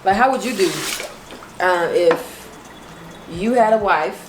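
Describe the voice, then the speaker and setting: A woman's voice: mid-range voice, takes it slowly. A woman with an American accent in casual relationship chat, speaking emphatically and often checking that the listener follows. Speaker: co-host of a mukbang chat show. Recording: roomy echo, clear background noise.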